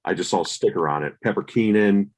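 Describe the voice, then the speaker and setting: Brief: male podcast co-host, very deep voice, laid-back anecdotal storyteller with casual cursing. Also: fast talker, darkish tone. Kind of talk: casual chat.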